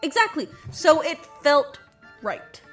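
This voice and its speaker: An actress playing a blunt, teasing medical student talking with friends. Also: female voice, sits high, very animated, slow pace, a bit bright, faint music behind, full character voice. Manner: blunt, teasing, matter-of-fact.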